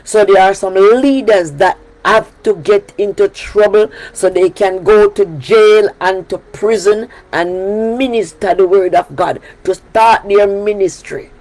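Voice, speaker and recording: On a low-quality recording of her prayer broadcast, a woman from Jamaica with a Jamaican accent preaches emphatically, returning again and again to key phrases. Her mid-range voice is darkish and a little slow, with few pauses.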